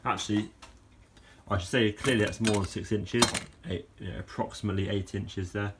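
A man with a fairly low-pitched, steady voice speaks at normal speed against a noisy background. He's a car owner vlogger filming a casual how-to vlog on a phone camera he holds in an outdoor garage yard, talking through his project in a rambling way with fillers and restarts.

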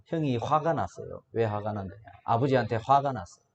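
A male pastor delivers a Sunday sermon, his pitch swinging widely as he asks rhetorical questions of the congregation. The sanctuary adds a roomy, long-tailed reverb to every phrase. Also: a little fast. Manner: preaching with lively rises and rhetorical questions. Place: church sanctuary. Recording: roomy church hall reverb.

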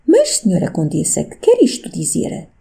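A woman voicing a worried, loyal maid in an audiobook, anxious and imploring, rising high when alarmed. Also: huge pitch swings, moderate pace, vocal fry, mellow, breathy edge, exaggerated voice.

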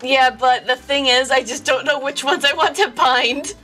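A woman's voice: high voice, normal speed, pushed and bright, faint music behind. A woman streamer chatting casually through a voice changer, giggly and joking, with lots of filler words. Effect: voice changer with a slight delay.

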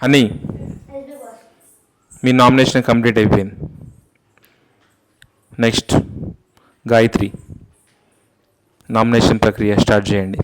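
A man speaking from off to the side, calmly giving instructions as the announcer. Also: fairly low pitch, unhurried, pauses often, slight background noise, poor audio. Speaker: off-screen voice of the show's announcer.

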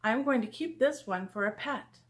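A woman voicing a willful young schoolgirl in a storybook, shouting taunts defiantly. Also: fairly high pitch, moderate pace, lightly acted. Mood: indignant. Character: willful young schoolgirl who lets out pigs.

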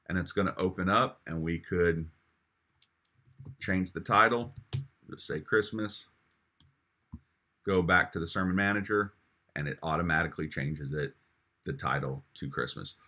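A middle-aged man, a pastor, enthusiastically demonstrating sermon-planning software in a screen recording, with casual ums and restarts. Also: deep voice. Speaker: pastor giving a software tutorial.

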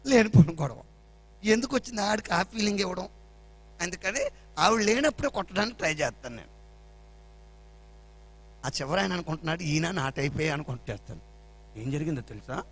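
A male pastor preaching a sermon, telling a family story with animated delivery and acting out the voices. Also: high-pitched, fairly quick, pauses often, breathy edge.

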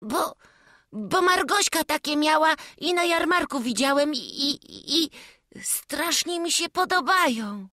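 A woman's voice: high voice, slow pace, dry recording, clean studio sound, pitched above the performer's own voice, full character voice. A woman voicing a shy, stammering peasant boy who carves figures, in an audiobook. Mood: excited, shy. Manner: stammering, excited.

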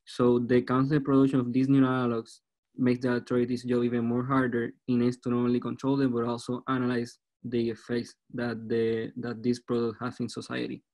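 A man in his twenties with a Puerto Rican accent, giving an academic presentation as a student researcher in a halting way, repeating words. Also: mid-range voice, completely flat delivery, a little mellow. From Puerto Rico. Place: online video call.

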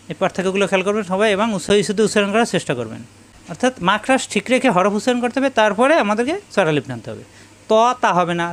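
A man teaching Quran letter pronunciation step by step, drilling each letter slowly and chanting drawn-out Arabic sounds. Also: high-pitched. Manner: slow, drilling letter sounds one by one and repeating them.

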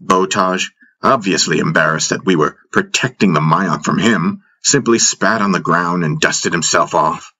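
A man narrating a fantasy audiobook in first person, steady and measured. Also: low voice, slightly rough.

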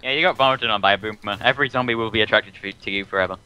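A man's voice: fairly low pitch, very fast, pushed and bright, smooth. A man playing a co-op game with friends, teasing them and giving advice. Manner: teasing, know-it-all advice. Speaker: co-op player. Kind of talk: casual gaming chat.

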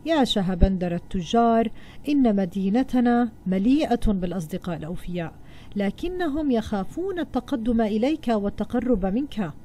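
A woman teacher voicing a calm wise old man who gives measured advice, in a read-aloud storybook lesson. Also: fairly high pitch, slight background noise, close to an everyday voice.

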